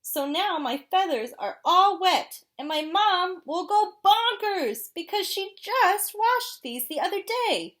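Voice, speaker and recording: Woman voicing an animated, high-pitched hiccuping boy penguin, kids show host manner. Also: takes it slowly, hardly any pauses, full character voice. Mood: indignant, excited. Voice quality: speech broken by gasping hiccups. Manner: kids show host, addressing children with exaggerated expression. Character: young boy penguin, frustrated by hiccups, excitable and polite. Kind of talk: animated children's storybook read-aloud.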